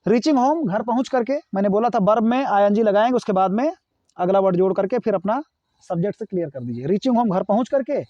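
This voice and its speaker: High-voiced man teaching slowly. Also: lively intonation, warm tone, no room sound, lo-fi sound. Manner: explains in Hindi, says English sentences slowly and clearly. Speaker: English teacher. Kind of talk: spoken English lesson.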